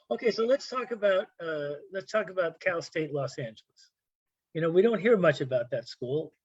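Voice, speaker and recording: Husky host on a dull line. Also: medium pitch, expressive, normal speed, no echo. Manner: playful, teasing questions. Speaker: radio talk show host. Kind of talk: casual radio interview.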